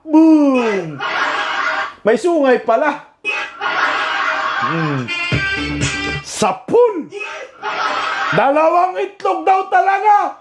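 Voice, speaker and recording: A Filipino man doing laughing, mocking reaction commentary over protest footage, jeering and shouting exclamations. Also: very high-pitched, wildly swooping pitch, takes it slowly, pauses often, over loud music. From Philippines.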